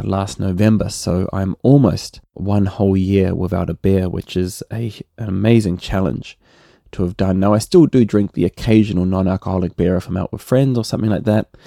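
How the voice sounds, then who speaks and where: Kiwi guy chatting on his podcast, low gravelly voice, very dry close sound. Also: normal speed, no echo. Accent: New Zealand. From New Zealand. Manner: relaxed, conversational, often adds "right?". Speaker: podcast host. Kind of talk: solo podcast monologue.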